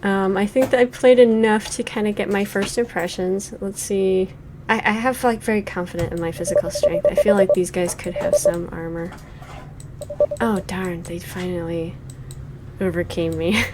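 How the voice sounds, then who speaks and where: A very noisy recording captures a woman in her forties giving casual let's play commentary as a game reviewer, thoughtful but full of ums and likes. She has a mid-range voice with a steady tone and moderate pace.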